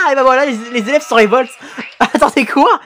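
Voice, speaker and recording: A woman from France giving animated, laughing reaction commentary on fan animations, swearing casually. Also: sits high, moderate pace. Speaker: YouTube reactor.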